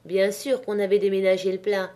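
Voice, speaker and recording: A woman narrating an audiobook of a classic novel in a measured, expressive reading. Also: mid-range voice. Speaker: audiobook reader.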